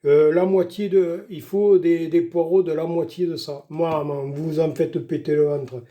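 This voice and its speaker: An older man, a home cook, shows a recipe in his kitchen, talking viewers through every step in a chatty, folksy way and repeatedly saying "voilà" and "doucement." His voice is on the high side, mellow and steady, and he takes his time.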